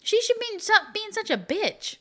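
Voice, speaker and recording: A woman's voice: very high voice, very animated, moderate pace. A woman from Oklahoma co-hosting a true-crime podcast, talking in a chatty way with rambling asides. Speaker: podcast co-host. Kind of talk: casual true-crime chat.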